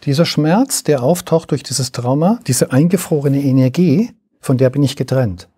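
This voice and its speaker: A man speaking as a coach in a relaxed interview, often acting out little quoted dialogues. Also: medium pitch, moderate pace, breathy edge. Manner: acts out dialogues in quoted voices.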